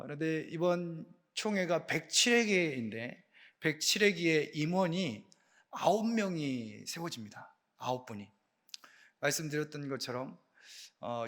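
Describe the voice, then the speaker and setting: A man with a fairly high voice gives a relaxed sermon from the pulpit, like an associate pastor at a late-night prayer meeting. He talks in a chatty, joking way and keeps turning to the congregation with questions. His pitch and loudness jump around as he stresses his points. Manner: lively swings in pitch and loudness for emphasis. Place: church sanctuary.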